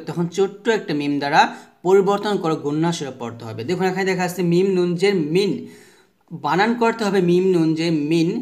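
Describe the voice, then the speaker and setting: A man with a fairly high voice teaches the rules of Quran recitation, step by step. He asks a question and answers it himself. He drags out each letter sound so that listeners can repeat after him. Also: a little mellow. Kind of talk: tajweed lesson.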